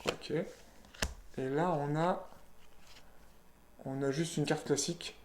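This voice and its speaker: A man's voice: fairly high pitch, steady tone, takes it slowly, slight background noise. A man chatting casually as he opens trading card packs, reading card names aloud with lots of "voilà" and "ok". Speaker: card-opening video host. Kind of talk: casual unboxing commentary. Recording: roomy echoey room.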